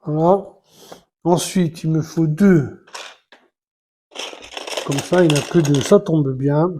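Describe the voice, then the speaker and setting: A man's voice: a little high, slow, warm tone. A man talking casually and hesitantly as he builds a model set, counting pieces aloud and restarting his sentences. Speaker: Lego building vlogger. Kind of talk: casual live building commentary.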